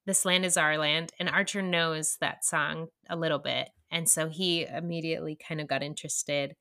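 A young woman co-hosting a podcast in casual chat, earnest and halting, with many fillers and restarts. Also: sits low, steady tone, bright, forceful tone. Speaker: podcast co-host.

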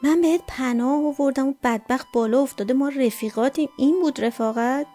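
A woman's voice: high voice, dark tone, faint music behind, close to an everyday voice. Woman voicing a cheeky melodramatic young man. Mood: whiny. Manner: teasing, self-pitying colloquial banter.

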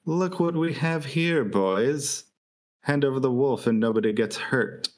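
A man's voice: mid-range voice, unhurried, pitched above the performer's own voice, natural voice. A man voicing a brash adventurer who mockingly mimics the enemy's bravado.

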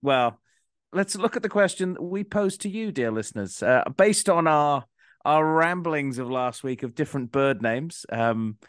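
A man's voice: on the high side, expressive, moderate pace, clean tone, dry recording, clean studio sound. A man co-hosting a podcast in casual chat. He rambles with many fillers and laughs often. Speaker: podcast co-host.

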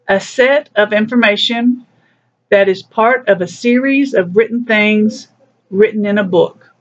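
Slow, patient teacher on a dull recording. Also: mid-range voice. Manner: slow, patient explanations mixing broken Spanish with English. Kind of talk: recorded class lesson walking through a textbook.

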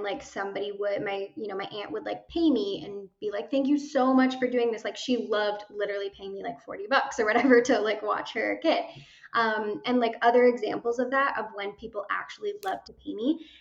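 A young woman talking casually as a guest, chatty, swearing freely and filling her speech with "like" and "you know.". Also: medium pitch. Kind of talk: casual chat. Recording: roomy, dull lo-fi sound.

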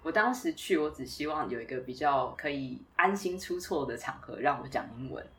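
A woman from Taiwan talks in a casual, chatty way and tells her stories with ease. Her voice sits low, and it sounds a little distant from the microphone. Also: lively intonation, a little fast, a little hiss or hum. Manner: chatty, storytelling, laughs easily. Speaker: guest, former PhD student. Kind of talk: casual conversation.

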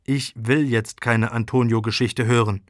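A man's voice: mid-range voice, steady tone, moderate pace, no room sound, clean studio sound, close to an everyday voice. A man voicing a stressed, stern mother who scolds in a read-aloud storybook. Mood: stern, fretful.

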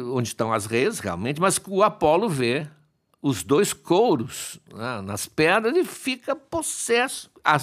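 A man's voice: on the high side, a bit bright. A man casually retelling a myth, chatty and playful, with frequent asides to his listeners. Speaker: storyteller.

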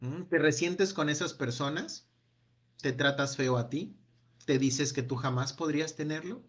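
A man leading a self-help workshop, asking a long run of gentle reflective questions that trail off with a quiet "no?". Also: a little high, unhurried. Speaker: workshop speaker.

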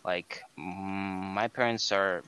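Bright, clear-voiced young man chatting. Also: sits low, fairly even intonation, takes it slowly, low-quality recording. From Estonia. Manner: rambling, self-correcting, many fillers. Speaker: podcast co-host. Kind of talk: casual chat.

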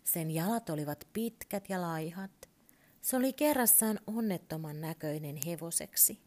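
A woman with a low voice reads a children's story aloud. She reads at a calm, steady pace and with plenty of expression.

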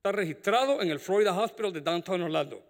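A male preacher and doctor giving an animated sermon testimony, paused for an interpreter. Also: high-pitched. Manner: storytelling, animated. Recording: echoey hall.

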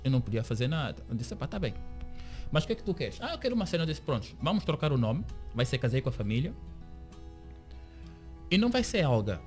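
A man being interviewed on the radio as a series creator, telling his story with lively acted-out quotes of other people. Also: mid-range voice, a little fast, pauses often, faint music behind. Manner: animated storyteller, acts out quoted dialogue. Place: radio studio.

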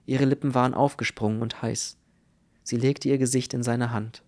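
A man narrates an audiobook at an ordinary middle pitch. His storytelling is measured and even. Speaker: audiobook reader. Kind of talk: scripted narration.

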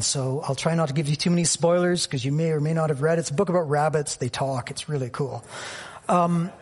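A man's voice: a little high, a little mellow. A man preaching a sermon as pastor, telling personal stories in a reflective way with frequent fillers.

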